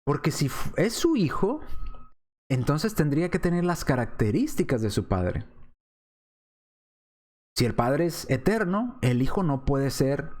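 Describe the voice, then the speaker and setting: A man's voice: mid-range voice, a little mellow. A man from Mexico, teaching a Bible study lesson from slides, reasoning aloud with rhetorical questions and frequent hesitations.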